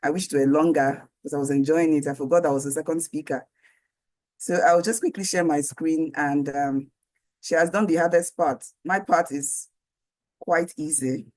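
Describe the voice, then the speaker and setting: Slightly hoarse woman presenting on a call. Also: sits low, fairly even intonation, moderate pace, darkish tone. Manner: conversational, many "you know" fillers, rhetorical questions. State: voice going hoarse. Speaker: guest speaker. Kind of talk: online training presentation. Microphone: video call.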